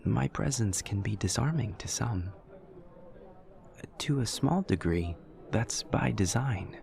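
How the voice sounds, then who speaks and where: In a scripted audio roleplay addressed to a listener, a man plays an awkward demon student with a very deep, creaky rasp at the bottom of his range. The heavily acted, expressive delivery is soft and measured, stiff and literal, with precise formal wording that sounds thoughtful, earnest and utterly polite.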